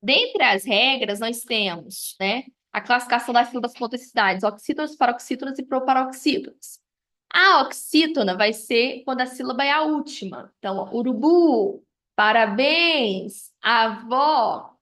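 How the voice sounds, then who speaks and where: Bright and forceful, her fairly high voice moves at normal speed while this woman teaches a grammar review. She explains by listing one example after another, peppering them with the tags "né?" and "tá?".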